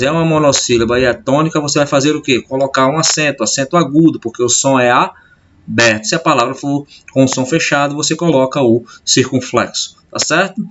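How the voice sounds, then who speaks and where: A male teacher with a slightly high, fairly bright voice walks through a grammar lesson step by step on video, frequently checking on his pupils. Faint noise and dull, lo-fi sound mark the recording.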